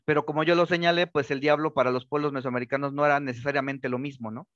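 A man's voice: medium pitch, fairly even intonation, quick pace, fairly bright tone, dry recording, muffled recording. Hesitant man lecturing on history. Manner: hesitant, many fillers and restarts, ends phrases with rhetorical question tags. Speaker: historian giving a talk. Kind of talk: academic lecture.

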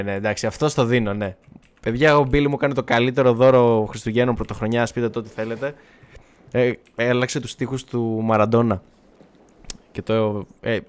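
Male streamer, mid-pitched, loose running chatter to chat during live play, quick to swear and joke at himself. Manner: chatty, self-mocking, swears, talks back to chat and the game. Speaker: gaming livestreamer. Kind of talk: casual live gameplay chat.

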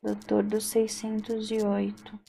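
A woman's voice: medium pitch, completely flat delivery, measured pace, gravelly, mellow, soft background music. A Brazilian woman streaming a horror game, talking nervously to herself and the game and reading notes aloud. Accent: Brazilian Portuguese. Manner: jittery, talks to herself and the game, frightened exclamations. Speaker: gaming streamer.

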